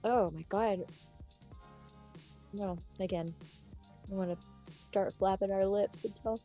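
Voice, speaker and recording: A woman's voice: mid-range voice, slow pace, faint music behind. A woman co-hosting a podcast in casual chat, laughing and swearing freely as she tells stories. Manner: swearing, laughing, animated storytelling. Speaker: podcast co-host.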